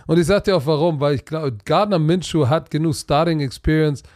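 Tired, animated man, dry sound. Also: a little high, a little fast, no room sound. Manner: animated, vivid trash talk. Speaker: podcast co-host. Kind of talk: casual sports chat.

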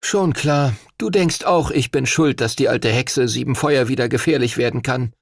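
A man voicing an indignant teenage boy dragon rider who sounds defensive and agitated, his voice raised higher than the narration. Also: moderate pace, gravelly, no room sound, studio quality.

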